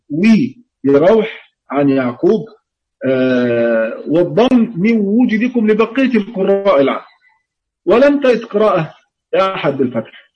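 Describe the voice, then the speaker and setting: A man's voice: sits high, a little mellow, slightly rough, highs cut off. A man teaching Quran recitation in an online lesson, explaining patiently, repeating key words and intoning example readings.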